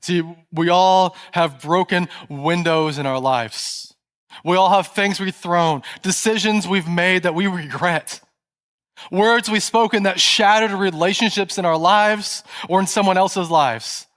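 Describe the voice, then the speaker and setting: This male pastor, preaching in church, has a high voice and a measured pace as he recounts a story. He softens to a hushed whisper whenever the moment turns tense.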